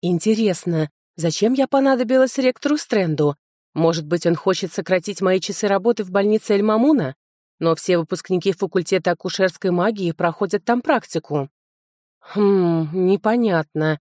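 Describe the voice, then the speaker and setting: Woman reading an audiobook in first person, even and measured, mid pitch, dry close mic. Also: dry recording. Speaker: audiobook narrator.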